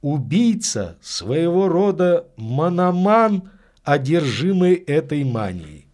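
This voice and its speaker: A man voicing a calm, insightful priest who explains things in a matter-of-fact way in an audiobook. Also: fairly high pitch, slow pace, voice pushed up. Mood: earnest.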